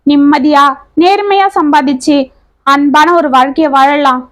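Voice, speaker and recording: Woman reading gentle anxious young woman, soft pleading tone, high voice. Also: unhurried.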